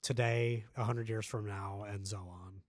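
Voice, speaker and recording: A man co-hosting a casual book podcast, wry and amused, tossing in quick quips. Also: on the low side, steady tone, no echo, studio quality. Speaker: podcast co-host.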